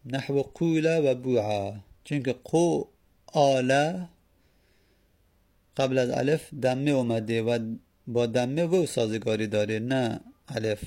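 A man teaching Arabic grammar in a patient way, repeating each word and sounding out the examples slowly. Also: medium pitch, warm tone. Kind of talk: explaining Arabic grammar in Persian.

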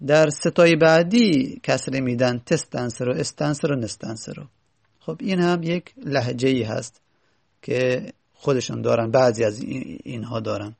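Gravelly man explaining a grammar text. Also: mid-range voice, a little mellow, no echo. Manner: reads a line of text, then explains it patiently in plain words; rhetorical questions to the class. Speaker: teacher. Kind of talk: classroom lecture reading and explaining a grammar text.

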